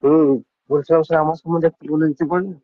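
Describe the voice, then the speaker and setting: A man's voice: on the high side, steady tone, rapid-fire, no room sound. Man on a breaking-up, dropping call. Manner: polite, repeating hello into a bad line. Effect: call audio breaking up and dropping out. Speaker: caller on a live stream. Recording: dull, lo-fi, dry internet call audio.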